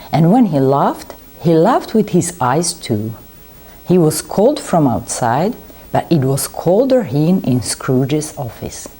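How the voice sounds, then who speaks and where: A woman reading a classic tale aloud in simple, deliberate phrases for learners. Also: low voice, warm tone, slightly rough. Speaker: library English consultant.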